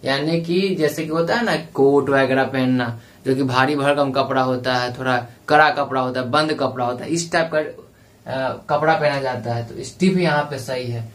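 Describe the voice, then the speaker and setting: A male exam prep teacher explaining a lesson, reading English lines slowly and spelling words letter by letter. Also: medium pitch, a bit bright. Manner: reads English passage slowly, drawn out. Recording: echoey room, voice from a distance.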